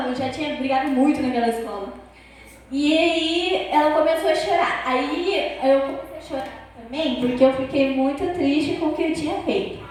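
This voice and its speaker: A girl with a Brazilian accent preaching a sermon, telling a personal story and asking the audience questions in a lively way. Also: sits high. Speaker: young preacher. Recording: very echoey room.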